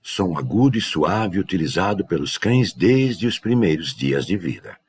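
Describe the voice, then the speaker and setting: A man working as a dog trainer, giving a measured, scripted educational narration. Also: sits low, big pitch swings, breathy edge. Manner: measured, explanatory delivery.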